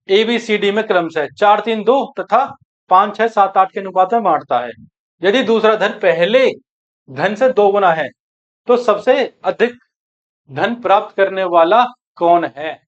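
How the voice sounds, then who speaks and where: A man with a high voice leads an exam-prep maths class. He works through each calculation aloud, quizzing the students and answering himself, and calls them friends and brothers. The sound is dull and muffled. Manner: talks through calculations aloud, asking and answering his own questions. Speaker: maths teacher.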